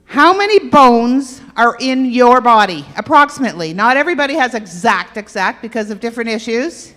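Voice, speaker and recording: A woman's voice: on the high side, animated, normal speed, fairly bright tone. Playful woman quizzing a hall audience. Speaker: health workshop presenter. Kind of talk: interactive talk to an audience. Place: church hall with stage and aisle. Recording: echoey hall.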